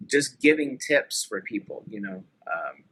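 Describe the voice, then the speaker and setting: Guy almost forty, earnest podcast chat, bright forceful voice, kinda husky. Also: fairly low pitch, animated, measured pace, low-quality recording. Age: late 30s. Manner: earnest, reflective, many fillers. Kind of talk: casual podcast conversation.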